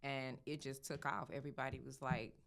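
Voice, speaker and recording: A young adult makeup artist from St. Louis, USA, chats casually in an interview, relaxed and full of fillers and retold dialogue. Her voice is very deep and brisk, with vocal fry.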